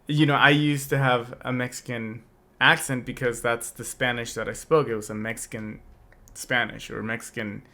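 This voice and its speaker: A young adult man co-hosts a podcast in a casual chat, speaking in a medium-pitched, sharp voice with flat delivery at normal speed and few pauses. He's reflective and relaxed, restarting often.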